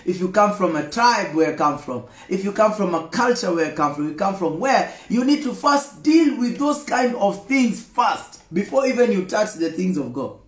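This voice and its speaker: In an indoor room with a screen and flowers, a Kenyan pastor in his thirties livestreams a daily devotional, captured close up on a phone camera. His high voice is very animated, moving at a moderate pace with few pauses, while he gestures constantly and drives home emphatic, repetitive phrases. The sound is roomy.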